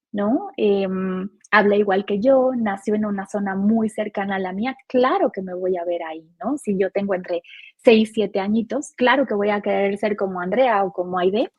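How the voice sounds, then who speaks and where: Husky Mexican woman in her forties. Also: mid-range voice, a little mellow, dry recording. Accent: Mexican Spanish. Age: 40s. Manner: earnest, explanatory, uses many rhetorical "¿no?" tags. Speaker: guest, gender and care policy specialist. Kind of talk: podcast interview.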